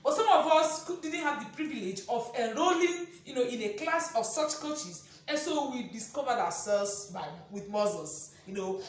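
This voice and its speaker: Woman coach, high voice, talks straight to the viewers, keeps asking do you understand, really echoey room a bit off mic. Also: lively intonation, normal speed, hardly any pauses, distant mic. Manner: talks to viewers with check-in questions. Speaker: motivational speaker and coach. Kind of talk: direct-to-camera motivational talk.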